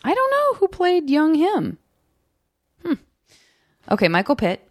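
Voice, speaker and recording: A woman podcast host with a smoky, raspy voice, chatting casually in a talkative, encouraging way. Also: very high voice, huge pitch swings, unhurried. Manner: chatty, encouraging, repeats affirmations. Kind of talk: casual chat.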